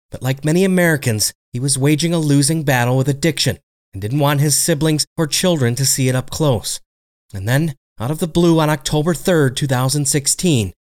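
A man hosting a podcast, reading a grave, measured true-crime narration. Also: fairly high pitch, a little mellow. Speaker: podcast host.

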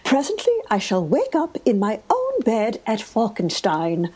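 A man's voice: high-pitched, wildly swooping pitch, measured pace, a little mellow, breathy edge, pitched above the performer's own voice, full character voice. A man voicing a prim queen who murmurs to herself that she is dreaming. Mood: dazed prim. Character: dazed stubborn queen in denial.

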